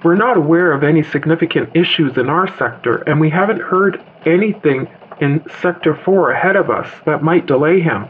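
A man playing a male elf field reporter in a mock radio newscast, steady and reassuring, heard over a phone line. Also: fairly high pitch, a little fast. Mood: calm. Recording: tinny phone-line sound with hiss.

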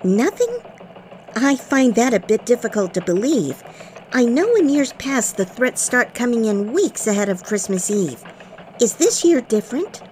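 A woman voicing a cheerful female elf news reporter in a scripted radio broadcast, with a bright newsreader delivery. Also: a little high, sing-song, a little slow, a little hiss or hum, rough recording.

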